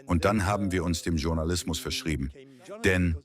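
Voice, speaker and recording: A man's voice: low voice, moderate pace. A man from France with a French accent, French his first language, answering questions emphatically in a street interview. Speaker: alternative media reporter. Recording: crowd chatter behind.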